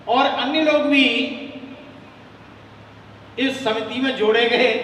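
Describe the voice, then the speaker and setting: A man speaks from a stage to a gathered crowd, his voice pitched very high and his delivery built on rhetorical questions he keeps putting to the listeners. The sound is picked up from a distance and rings with heavy echo in a large space. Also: a bit bright, a little hiss or hum. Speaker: public speaker. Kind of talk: speech at a public event. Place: stage at an outdoor or hall gathering. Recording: echoey hall sound from far off.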